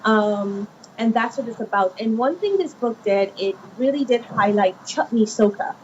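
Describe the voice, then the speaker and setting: Lively Guyanese-born woman author, lo-fi. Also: fairly high pitch, moderate pace. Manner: animated storyteller, many fillers. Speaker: children's author. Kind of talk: conversational interview. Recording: muffled lo-fi with faint noise.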